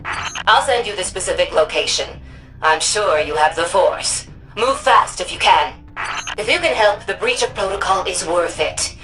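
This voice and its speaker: Older female city administrator, low voice, authoritative, dryly witty, crisp commanding delivery, sci-fi game dialogue, music behind. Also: expressive, a little slow, poor audio. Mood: urgent, businesslike. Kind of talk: scripted mission briefing dialogue.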